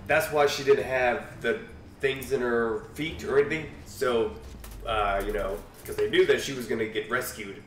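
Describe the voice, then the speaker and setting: A man's voice: medium pitch, normal speed, slight background noise. A young man giving casual commentary as he plays a video game. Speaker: gaming video host playing the game. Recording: roomy, distant mic, loud game music.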